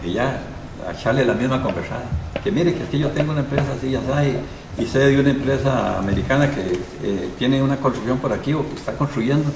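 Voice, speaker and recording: A man's voice: medium pitch, fast. An older man with a Costa Rican accent, a guest in an interview who tells a long anecdote and acts out the dialogue of the people in it. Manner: lively storyteller who acts out quoted dialogue. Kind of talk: anecdotal storytelling. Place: live show recording. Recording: roomy and distant, with background noise.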